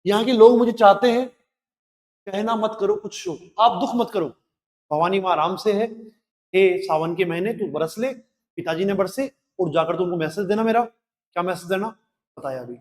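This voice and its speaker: Man, high voice, hindi teacher, reads poem lines then explains, asks questions back, reverberant room. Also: animated, normal speed, darkish tone. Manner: recites verse lines then explains them with rhetorical questions. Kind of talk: live class poem explanation.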